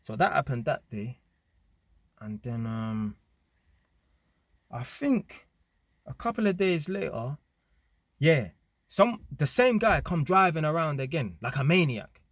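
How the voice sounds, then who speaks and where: A man casually telling a story to camera, animated and full of street slang and tag questions. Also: a little high, takes it slowly, pauses often, dry recording. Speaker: vlogger.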